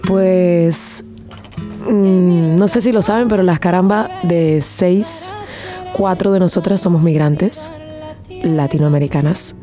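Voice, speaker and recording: A woman with a Venezuelan accent, speaking thoughtfully in a casual interview, pausing and restarting as she searches for words. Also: lowish voice, expressive, warm tone, soft background music. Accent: Venezuelan Spanish. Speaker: band member and guest.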